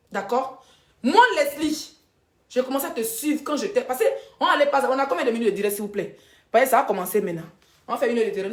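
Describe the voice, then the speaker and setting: A woman with an Ivorian French accent holds forth on a livestream, repeating her points and swinging from loud, high outbursts to low, quiet asides. Her voice sits somewhat high. The room around her is echoey. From Ivory Coast. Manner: emphatic, repeats herself, voice rising and dropping sharply. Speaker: social media livestreamer. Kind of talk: heated livestream monologue.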